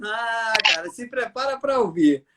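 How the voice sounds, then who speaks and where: A man with a Brazilian Portuguese accent, an army colonel who trains leaders, answering interview questions in a lively storytelling way, acting out dialogue and laughing. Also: extremely high pitch, a little slow, very noisy.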